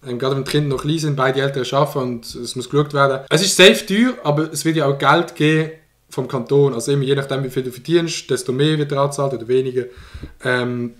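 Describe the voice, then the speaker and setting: A man's voice: mid-range voice, steady tone, fast, fairly bright tone. A young man with a Swiss German accent giving slangy, joking reaction commentary and laughing often. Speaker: YouTuber reacting to a video.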